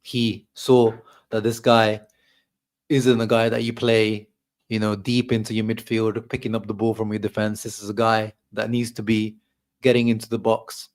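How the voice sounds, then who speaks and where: A man's voice: lowish voice, level tone. Dejected man analysing football. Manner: dejected, measured analysis with frequent restarts. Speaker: football channel host. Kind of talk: casual match reaction chat.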